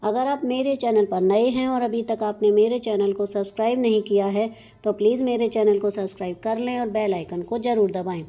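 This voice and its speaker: A woman teacher reading a children's story aloud and going through the lesson questions in a clear, careful voice. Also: medium pitch, fairly even intonation, brisk, dull audio.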